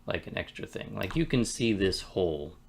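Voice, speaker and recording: A man streaming game development, thinking aloud in a relaxed, musing way as he works at his computer. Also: low-pitched, vocal fry, breathy edge. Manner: relaxed, musing, talks to himself between pauses. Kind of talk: casual thinking-aloud commentary while working.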